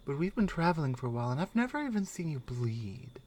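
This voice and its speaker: A woman with a deep, very animated voice plays a strong Nordic warrior companion in a soft, intimate ASMR roleplay. She's wry, skeptical and curious, musing aloud with pauses and murmured asides.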